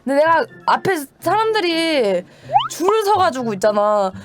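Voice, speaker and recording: A young woman streamer telling stories to her viewers in casual chat, animated, laughing often and acting out other people's voices. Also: sits high, moderate pace, music in the background.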